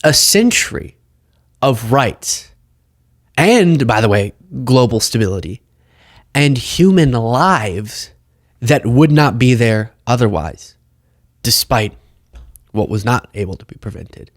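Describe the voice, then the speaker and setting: A man's voice: medium pitch, animated, slow pace, pauses often, dry recording, clean studio sound. A man hosting a political commentary show, talking casually and sarcastically as he reacts to clips. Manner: sarcastic, mocking impressions.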